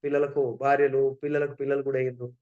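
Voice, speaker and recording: A man's voice: medium pitch, level tone, fast, clean tone, narrow, tinny audio, close to an everyday voice. A man voicing a wise wandering sage who coaxes and scolds his friend in a familiar way. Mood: coaxing.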